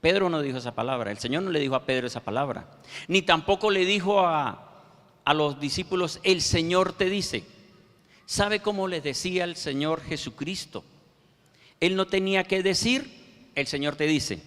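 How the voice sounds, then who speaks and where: A man preaching a sermon, quoting scripture verses with slow, emphatic pauses. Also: fairly high pitch, a bit bright. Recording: reverberant hall.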